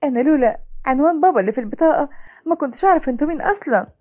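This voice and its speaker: A woman's voice: sits high, animated, rapid-fire, warm tone, voice pushed up. A woman voicing a bitter young female doctor who speaks coldly and sarcastically, with an Egyptian accent. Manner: cold, cutting, sarcastic.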